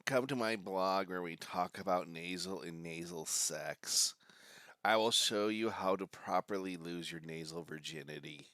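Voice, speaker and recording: A man streams a video game with a low, unhurried, bright and forceful voice, his nose stuffed up from a bad cold. He rambles and jokes while reacting live as game music plays. The studio recording is clean, with no echo.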